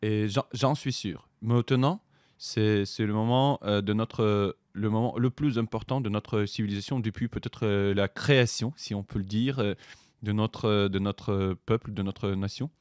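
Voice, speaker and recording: A middle-aged Ukrainian man speaking French with a Ukrainian accent as a podcast interview guest, hesitant, with many pauses and fillers. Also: fairly low pitch, steady tone, a little mellow, no echo, studio quality. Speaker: guest, writer and soldier.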